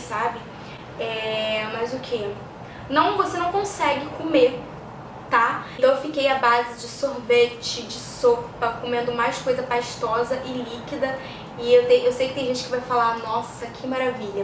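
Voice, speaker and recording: A Brazilian woman with a fairly high voice talks casually to her viewers in an explanatory, conversational way. She sounds set back from the microphone in an echoey room, with clear noise behind her. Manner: conversational, explanatory, with frequent check-in tags. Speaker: vlogger. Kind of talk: casual chat to camera. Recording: echoey, distant mic, clear background noise.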